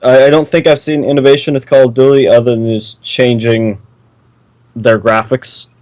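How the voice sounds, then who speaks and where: A man's voice: medium pitch, flat delivery, normal speed, darkish tone, no echo. A man co-hosting a casual gaming podcast, talking in a laid-back, offhand way. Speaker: podcast co-host.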